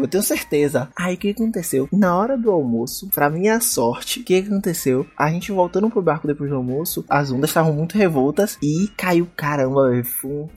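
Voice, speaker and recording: A man telling a funny story on a podcast in a casual, animated way, swearing often. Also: on the high side, slightly rough. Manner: swears a lot, animated retelling.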